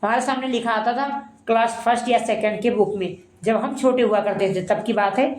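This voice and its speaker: A woman's voice: a little high, fairly even intonation, fairly quick, a little mellow, reverberant, poor audio. A woman teaching pronunciation, spelling words letter by letter and drilling the sounds, often addressing her listeners as friends. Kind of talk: pronunciation lesson.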